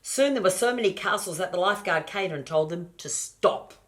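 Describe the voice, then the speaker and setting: A grandmother with a fairly low voice reads a children's storybook briskly and expressively. Now and then she turns to her grandchildren with direct asides.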